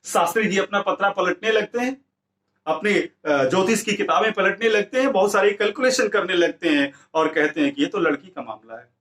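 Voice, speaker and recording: A man's voice: sits high, lively intonation, normal speed, a bit bright, reverberant. A male teacher explaining a story, switching between Hindi and English as he retells it.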